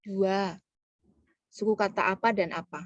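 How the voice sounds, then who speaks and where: A woman's voice: medium pitch, fairly even intonation, a little slow, no room sound, dull audio. A woman teaching French pronunciation in an online lesson, patiently breaking words into syllables.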